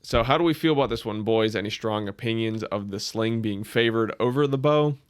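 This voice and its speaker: A man's voice: on the low side, brisk, clean tone. A man hosting a casual podcast chat, leading the discussion with wry jokes. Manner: leads the discussion, wry and joking. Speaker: podcast host.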